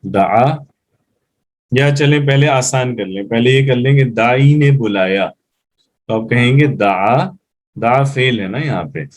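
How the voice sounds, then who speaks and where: A man works through grammar rules with a single student in an even, mid-range voice. He goes step by step, drawls out example words slowly, and keeps checking that she follows. The sound is dry and close, with no room behind it. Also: mid-range voice, no room sound. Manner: explains step by step, checks understanding often; slows down to spell out example words. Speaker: Arabic grammar teacher. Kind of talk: patient one-on-one grammar tutoring.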